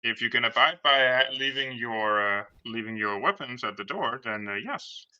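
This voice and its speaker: A man playing a cautious, accommodating shelter keeper in a tabletop game, speaking haltingly. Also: mid-range voice, bright, forceful tone, clear, resonant tone, dull audio. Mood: wary, businesslike. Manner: halting, hesitant.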